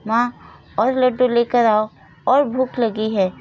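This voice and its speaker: A woman doing a loud spoiled greedy boy. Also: a little high, steady tone, slow, lo-fi sound. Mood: demanding. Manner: loud, demanding, rough. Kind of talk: storybook narration with voiced roles.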